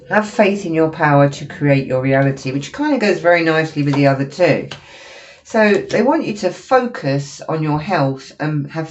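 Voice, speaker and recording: This tarot reader has a cold and keeps sniffling while she talks to camera, chatty and apologetic, dropping plenty of fillers. Her voice sits low and a little mellow, captured in a dull lo-fi recording with a faint hiss.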